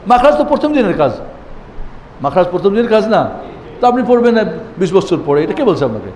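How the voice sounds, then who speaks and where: A man teaching Quran reading to a class, asking pointed rhetorical questions and chanting letters and verses in drawn-out tones. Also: high-pitched, big pitch swings, darkish tone. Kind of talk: classroom lesson. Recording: echoey room with long reverb, faint background noise.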